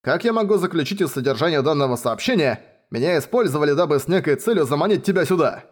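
A man voicing an angry, blustering middle-aged male merchant who shouts indignantly. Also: a little high, expressive, fast. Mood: furious.

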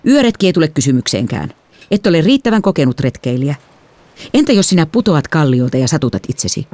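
A woman's voice: low voice, very animated, dark tone, no room sound. A woman reading an audiobook, voicing a stern, overprotective father who speaks curtly. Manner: gruff, curt.

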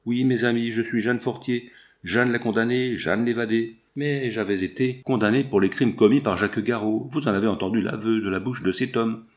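A man's voice: medium pitch, steady tone, normal speed, close to an everyday voice. A man voicing a wronged woman who pleads her case with passion in a read-aloud novel. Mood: impassioned. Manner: impassioned, pleading. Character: desperate wronged woman, defiant mother.

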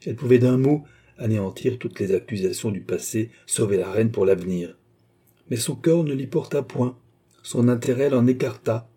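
A man narrates a classic novel as an audiobook, measured and dramatic in his storytelling. His voice is medium-pitched, mellow and husky.

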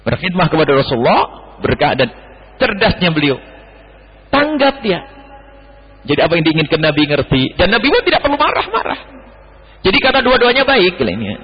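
An animated man preaches with a husky, fairly high voice that leaps and plunges, acting out little dialogues. The recording is dull and muffled, with a long hall reverb behind him. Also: brisk, long pauses. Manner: swings between low murmurs and sudden high exclamations, acts out dialogue. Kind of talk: sermon. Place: large mosque hall.

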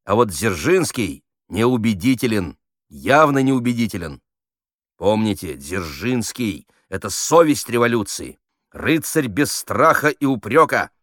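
A man's voice: lowish voice, sing-song, measured pace, fairly bright tone, no echo, studio quality, voice pushed up. A man reading aloud, voicing a pompous army officer who barks orders while directing amateur actors. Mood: commanding. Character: bossy fussy male army officer directing a play.

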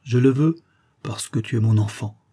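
A man's voice: mid-range voice, normal speed, warm tone, slightly rough, lightly acted. A man voicing a fervent noble mother. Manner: fervent and insistent. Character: determined aristocratic mother, a marquise.

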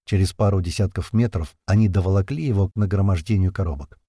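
Husky-voiced man narrating an audiobook. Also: deep voice, fast talker, dry recording, studio quality. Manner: steady storytelling, tense and vivid.

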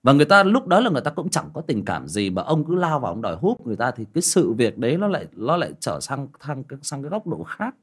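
A man's voice: fast, few pauses, breathy edge. A man telling a personal story in a casual monologue, acting out the dialogue. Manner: lively, acts out quoted dialogue with pitch jumps. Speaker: storyteller giving relationship advice.

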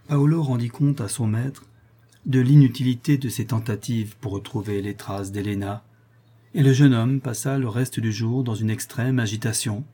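Brief: male audiobook narrator, mellow dark tone, slightly husky, measured delivery. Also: medium pitch. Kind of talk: scripted narration of a classic novel.

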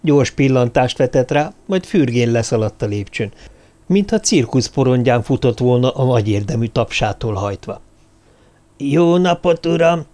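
A man reading an audiobook novel in measured, even narration. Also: medium pitch. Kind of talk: scripted narration.

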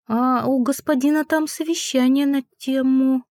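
A woman's voice: sits high, steady tone, normal speed, darkish tone, no room sound, studio quality, pitched above the performer's own voice. A woman voicing a timid winged servant woman who stammers and babbles nervously in an audiobook.

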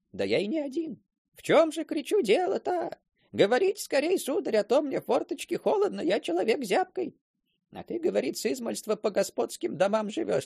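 Old village chatterbox, husky, high and wildly sing-song. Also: male voice, no room sound, studio quality, exaggerated voice. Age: older. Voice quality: husky and creaky. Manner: lively, quick to mimic others' voices. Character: talkative old village man spinning a yarn. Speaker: storyteller character. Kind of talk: radio play acting.

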